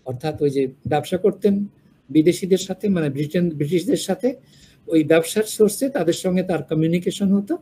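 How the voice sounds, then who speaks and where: Older male lecturer, husky, talks frankly and wanders into stories. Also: on the high side, mellow. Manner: frank, digressive storytelling. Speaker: university lecturer. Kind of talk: classroom lecture.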